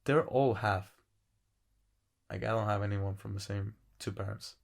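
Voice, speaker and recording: Man, podcast co-host, low-pitched, rambling casual chat, swears and laughs. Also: steady tone, unhurried, vocal fry.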